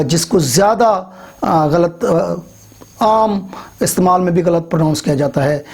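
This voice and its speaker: Middle-aged male teacher spelling words slowly. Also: sits high, a little mellow. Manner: slow letter-by-letter spelling, frequent hesitant "uh" fillers. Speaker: English teacher. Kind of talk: video lecture on pronunciation.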